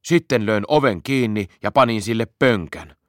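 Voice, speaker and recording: A man calmly reading a children's story aloud as audiobook narration. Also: on the low side, dry recording, studio quality. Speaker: audiobook reader.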